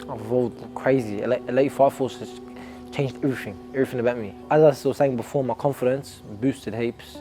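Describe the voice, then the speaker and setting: A man's voice: mid-range voice, steady tone, brisk, mellow, soft background music. A young Australian man, an amateur boxer, talking earnestly and reflectively in a documentary interview, often restarting his sentences.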